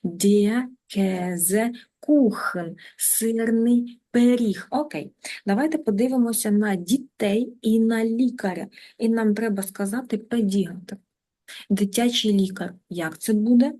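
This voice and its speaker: A woman teacher giving an online language lesson, patient, slowing down and repeating words so learners can follow. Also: a little high, dark tone. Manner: patient, repeats words slowly and drills them. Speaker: German teacher.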